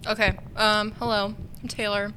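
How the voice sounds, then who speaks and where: A woman's voice: medium pitch, little pitch movement, moderate pace, bright, forceful tone, a little hiss or hum. A woman in her early twenties, a podcast guest chatting in an easygoing, agreeable way. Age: 20s. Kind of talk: casual chat.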